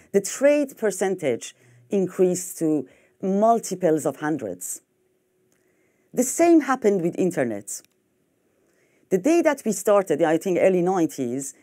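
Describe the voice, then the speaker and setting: A woman's voice: fairly low pitch, mellow. A middle-aged woman with a French accent giving a conference talk in a hotel event room, speaking emphatically with restarts.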